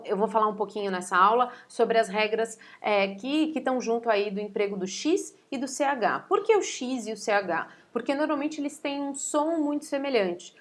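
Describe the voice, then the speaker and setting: A woman with a Brazilian Portuguese accent, a teacher explaining spelling rules step by step and often checking in with her students. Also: mid-range voice. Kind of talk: recorded spelling lesson.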